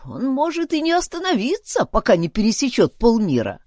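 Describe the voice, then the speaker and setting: A grumbling old man with a beard, muttering doubts in a lowered voice, given voice by a woman reader. The sound is dry and close, with wide swings of pitch. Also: huge pitch swings, a little fast, a little mellow, no echo.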